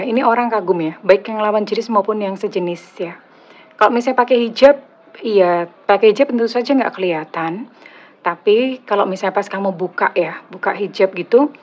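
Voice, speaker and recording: A tarot reader with an Indonesian accent and a mid-range, slightly husky voice gives her viewers a casual, chatty reading, teasing, joking, and laughing at her own jokes. The audio is slightly dull and lo-fi.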